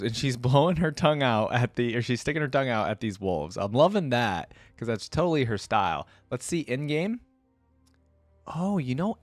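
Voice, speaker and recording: A man hosts a reaction video, offering casual, chatty commentary on a video game and thinking aloud in an easygoing way. His voice is mid-range, with no room sound.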